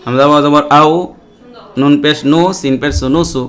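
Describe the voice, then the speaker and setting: A man's voice: on the high side, level tone, a bit bright. A man teaching Quran reading, spelling each word letter by letter and briefly explaining the recitation rules. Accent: Bangladeshi Bengali. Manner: slow, measured letter-by-letter spelling with short rule explanations.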